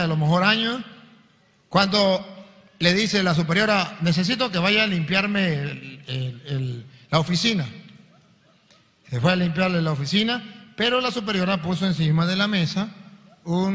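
A man, a priest preaching a sermon, telling a story and acting out its voices with lively energy. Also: high voice, long reverb tail.

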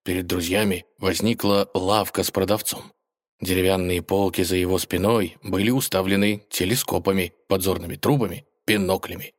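A man narrating a children's fairy tale audiobook in a calm storytelling manner. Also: low-pitched, moderate pace, no room sound, studio quality. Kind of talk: scripted narration.

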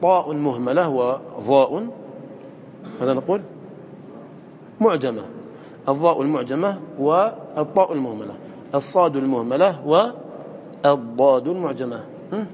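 The audio is dull and echoey with faint noise, capturing a man in a lecture room explaining a poem to students. His mid-range, darkish voice is expressive, and he moves at a moderate pace with frequent pauses. He breaks the recitation lesson into steps and quizzes the class with brief questions.

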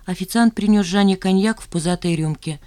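Audiobook narrator, scripted reading, measured, mid pitch, dry close sound. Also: dark tone, dry recording.

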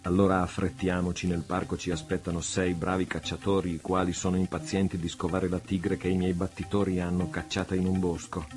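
A man voicing a courteous, middle-aged English lord in an audiobook, polite and brisk. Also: low voice, level tone, a little mellow, faint music behind, natural voice. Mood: cordial.

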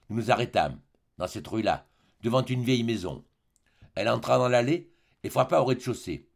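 With a creaky, medium-pitched voice, this man narrates a classic novel as a volunteer audiobook reader. He tells the scripted story expressively.

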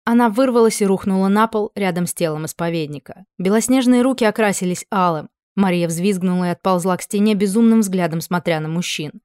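A woman reads a fantasy novel aloud as audiobook narration. Her delivery is measured and even, in a mid-range voice. The recording is dry and close to the mic. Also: mid-range voice, clear, resonant tone, no room sound. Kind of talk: scripted narration.

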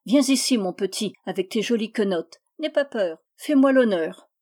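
A woman reading aloud, voicing a drunken, boisterous male ship pilot who rambles on excitedly in a singsong way. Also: medium pitch, moderate pace, close to an everyday voice. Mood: tipsy giddy.

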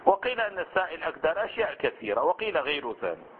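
A man gives a patient lesson, stretching example words and answering his own questions. His voice sits a little high for a man. It comes through a narrow, tinny band with faint hiss, like an old cassette of a study circle. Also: very animated, racing. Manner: slips into colloquial Levantine Arabic asides. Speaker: Islamic scholar teaching inheritance law.

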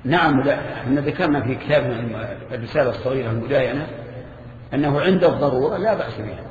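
Older male teacher, casual lecture tone full of restarts, mid-pitched, recorded lo-fi in a reverberant hall. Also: lively intonation, slight background noise. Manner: conversational, with halting restarts and questions to the audience. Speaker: Islamic scholar teaching a lesson. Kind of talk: religious lecture with questions from students. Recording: echoey hall, muffled lo-fi archive tape.

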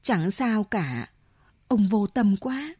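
A woman voicing a frightened, insistent older woman who pleads breathlessly in a high voice, on a dull lo-fi audiobook recording. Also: very animated, slow, dark tone, husky, no echo, full character voice. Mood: pleading.

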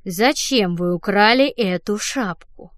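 A woman voicing a stern, intimidating male hotel director who speaks slowly and deliberately. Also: high voice, no echo, voice pushed up, close to an everyday voice. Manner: slow, deliberate and clipped. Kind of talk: audiobook character voice.

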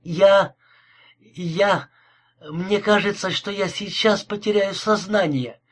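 A man's voice: fairly high pitch, lively intonation, slow pace, breathy edge, voice pushed up, exaggerated voice. Man doing a terrified young woman. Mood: frightened. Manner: frightened, faltering.

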